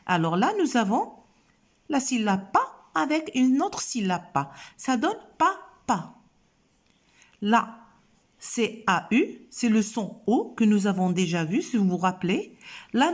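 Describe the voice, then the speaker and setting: A woman's voice: on the high side, a little mellow. A woman teaching French grammar to young pupils, patiently spelling out letters and syllables one by one and often checking in with "d'accord?". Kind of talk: slow classroom explanation.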